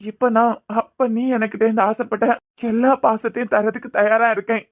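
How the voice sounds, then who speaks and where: A woman voicing a grieving young father, a doctor, who pleads softly and sorrowfully with his frightened daughter in Kanyakumari Tamil. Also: on the high side, level tone, fairly quick, natural voice. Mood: pleading. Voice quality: pleading, sorrowful, repeating the child's name. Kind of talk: cartoon voice acting.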